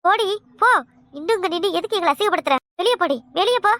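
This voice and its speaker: A woman's voice: very high voice, lively intonation, racing, fairly bright tone, no echo, clean studio sound. A woman voicing a harsh older village mother-in-law with a Kanyakumari Tamil accent, scolding and insulting in a cartoon comedy.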